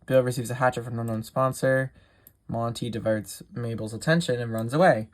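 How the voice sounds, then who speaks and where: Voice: mid-range voice, fairly even intonation, fairly quick. Giggly, stumbling casual commentator. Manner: chatty, giggly asides, stumbles over words. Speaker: video creator. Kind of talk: casual reading of a game simulator with commentary.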